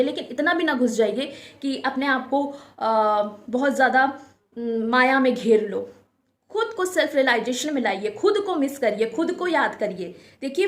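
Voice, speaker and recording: Woman, high voice, spiritual advice talk, coaxing and repetitive, echoey room. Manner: repetitive, coaxing, addresses listeners as friends. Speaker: spiritual guidance speaker.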